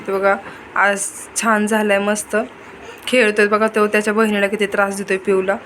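A woman's voice: mid-range voice, little pitch movement, moderate pace, a bit bright. A young woman, chatting casually to the camera in a home vlog as she looks after her children. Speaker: vlogger. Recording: noisy home recording.

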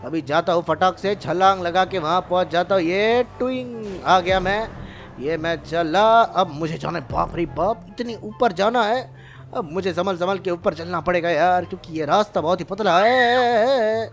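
With character voices and a stream of exclamations, a male gaming host teases his way through playful commentary. He has a high voice and normal speed, and faint music plays behind.

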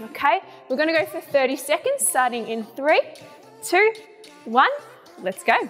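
High-voiced woman coaching a workout. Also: a bit bright. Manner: encouraging, cueing movements while demonstrating them. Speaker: fitness instructor. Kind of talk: guided home workout instruction with counts and cues. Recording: long reverberant room, music behind. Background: music.

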